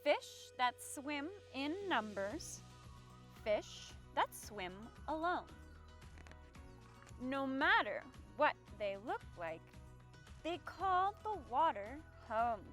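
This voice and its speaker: A woman in the role of a friendly, singing, land-loving mermaid presents a children's read-aloud and singalong storytime, speaking to young viewers with playful exaggeration. Her high, fairly bright voice is very animated and very slow, with soft music in the background.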